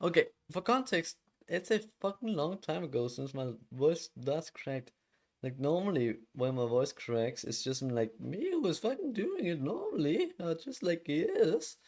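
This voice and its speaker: An eighteen-year-old man streams live while coding, chatting casually and rambling with plenty of "like" fillers and frequent swearing. His voice is a little high and darkish in tone, with big pitch swings, and he talks a little slowly.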